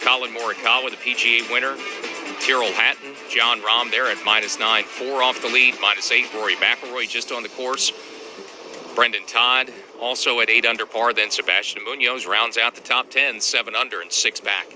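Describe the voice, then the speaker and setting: A man's voice: mid-range voice, fairly even intonation, moderate pace, music in the background. A man hosting a golf radio broadcast as lead commentator, with polished announcer delivery. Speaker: radio sports anchor.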